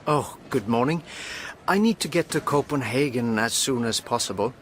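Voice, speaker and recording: A man's voice: mid-range voice, expressive, normal speed, slight background noise, natural voice. A man playing a polite, reasonable businessman in scripted language-course dialogues. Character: polite, reasonable businessman, colleague and air traveller.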